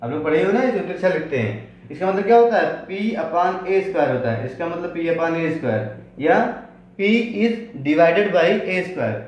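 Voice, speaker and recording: A man teaches maths in a very echoey room. His voice sits a little high, and he works through each point slowly, repeating it. He asks questions aloud and answers them himself. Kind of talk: classroom lesson.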